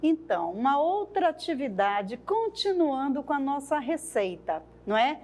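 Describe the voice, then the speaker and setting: A woman's voice: sits high, big pitch swings, moderate pace, darkish tone. A woman training teachers, explaining lesson activities at a thoughtful pace and often adding tag questions.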